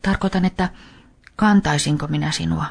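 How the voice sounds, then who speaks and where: A man voicing a polite, puzzled young boy in a storybook, raising his voice to ask earnest questions, with a husky tone. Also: fairly high pitch, fairly even intonation, voice pushed up.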